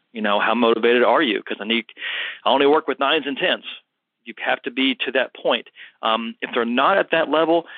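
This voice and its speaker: A health practitioner who hosts a health show answers a caller in a casual, thoughtful manner, using plenty of fillers. His voice is medium-pitched, and the recording is dry with a narrow, phone-like sound.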